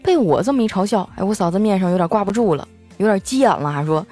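A woman full of delivers a scripted comic monologue. She tells her stories in an animated way. Faint music plays underneath her voice. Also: medium pitch, quick pace. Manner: animated storytelling, acting out quoted lines in raised voices. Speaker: comedy radio host.

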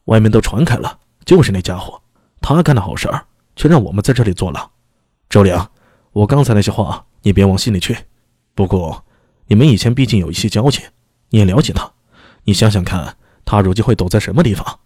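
A man's voice: lowish voice, brisk, a little mellow, husky, no room sound, studio quality. A man voicing an angry, foul-mouthed male constable chief in an audio story, blustering and cursing.

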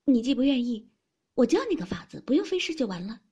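A woman voicing a practical young maidservant who gives hushed, confiding advice, with a husky, breathy voice. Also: on the high side, big pitch swings, fast. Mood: helpful.

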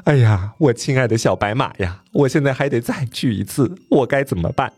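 A man's voice: medium pitch, very animated, moderate pace, darkish tone, no room sound, voice pushed up. A man voicing a loyal young knight from a fairy tale, talking in a plaintive, sighing way.

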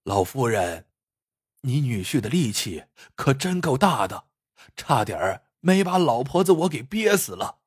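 A man's voice: medium pitch, big pitch swings, measured pace, slightly rough, no echo, studio quality. A man voicing a coarse, hard-drinking old housekeeper in a storybook reading, with a blunt, grumbling manner.

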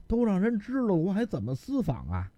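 A man voicing a fussy, worried nobleman who scolds in a hushed, hurried way. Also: high-pitched, huge pitch swings, no echo, voice pushed up, exaggerated voice. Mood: fretful.

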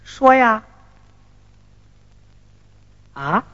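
Henan opera, old official, high voice, swooping wildly, slow drawl, dull recording. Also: male voice, big pitch swings, a bit bright, exaggerated voice. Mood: coaxing. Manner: drawling, coaxing, wide swooping stage speech. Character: older male official, questioning a girl, wheedling. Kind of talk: Henan opera stage performance.

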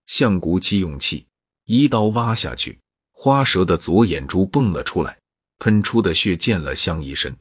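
Low, husky male storyteller. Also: expressive, moderate pace, no echo, clean studio sound. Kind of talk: folk tale narration.

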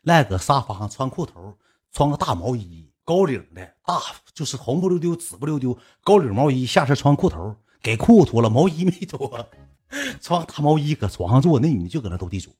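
A man with a Northeastern Mandarin accent telling a rambling comic story in a colloquial, lively way. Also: mid-range voice, a little fast, husky.

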